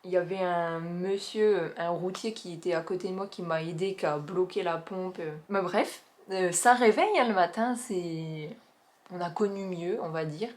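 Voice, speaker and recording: A young woman talking casually to camera about skincare products she has used up, chatty and enthusiastic, with many filler pauses. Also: lowish voice, steady tone, a little mellow. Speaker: beauty vlogger reviewing finished products. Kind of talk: casual product review vlog.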